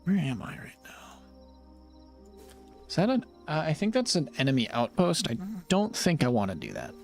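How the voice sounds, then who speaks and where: A man's voice: fairly high pitch, huge pitch swings, moderate pace, soft background music. A young man giving playful, jokey commentary while playing a video game and talking to the creatures he meets. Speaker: streamer. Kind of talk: casual gameplay commentary.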